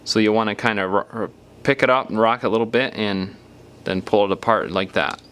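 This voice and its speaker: Fairly quick and on the low side, this repair tutorial presenter has a fairly bright tone, with a little hiss or hum on the recording. He explains the how-to casually and step by step, off the cuff, letting some phrases go unfinished.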